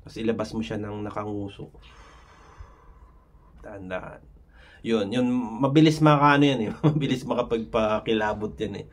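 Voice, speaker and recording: A man's voice: fairly low pitch, a little fast. A man vlogging casual advice, rambling, with frequent fillers and tag questions. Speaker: vlogger sharing anxiety tips. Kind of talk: casual talk to camera.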